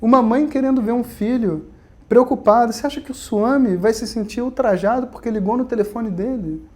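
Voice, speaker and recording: A man's voice: very high-pitched, fairly quick, a little mellow. A man with a Brazilian Portuguese accent teaching Vedanta in a conversational, storytelling way. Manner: conversational, storytelling, frequent tag questions. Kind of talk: recorded online lecture.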